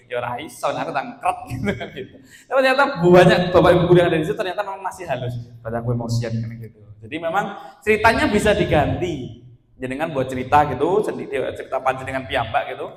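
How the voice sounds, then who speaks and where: A man with a Javanese accent presenting a workshop to fellow teachers, lively and joking. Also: medium pitch. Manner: lively, jokey, mixes in local Javanese phrases. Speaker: teacher presenting a training session. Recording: echoey hall with long reverb.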